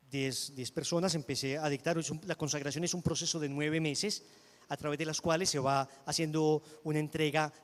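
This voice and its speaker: A man preaching a sermon and telling a personal testimony, emphatic, moving between loud declaiming and hushed storytelling. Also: high-pitched, long reverb tail.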